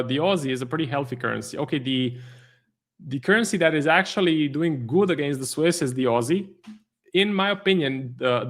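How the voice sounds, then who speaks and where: A man's voice: mid-range voice, a bit bright. A man, a trading stream host giving live market commentary, thinking aloud with many fillers and restarts. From Croatia.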